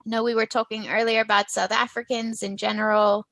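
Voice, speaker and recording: A woman hosting an interview, encouraging and quick to laugh along with her guest. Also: on the high side, flat delivery, fairly bright tone, no room sound. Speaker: interview host. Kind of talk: casual interview chat.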